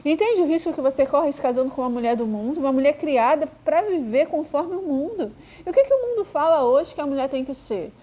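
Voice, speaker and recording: A Brazilian woman teaching from the Bible in a conversational, informal sermon, pausing with fillers and sometimes acting out voices. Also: sits high, lively intonation, mellow. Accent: Brazilian Portuguese. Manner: conversational, hesitant with fillers, acts out quoted voices.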